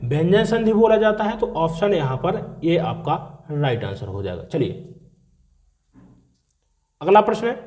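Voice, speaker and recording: High-voiced man teaching an exam-prep lesson. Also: very animated, a little slow, pauses often, dark tone. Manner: explains step by step, asks and answers his own questions, repeats "ठीक है".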